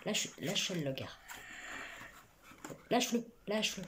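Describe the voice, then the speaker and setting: A woman's voice: medium pitch, animated, slow, background noise. A woman teaching a child at home, asking simple questions in a patient, coaxing way. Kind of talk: home schooling session.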